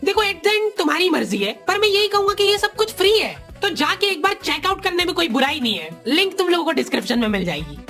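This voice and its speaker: A woman's voice: very high-pitched, big pitch swings, fast talker, few pauses, a bit bright, soft background music. A woman narrating a comic cartoon in a playful, mocking way.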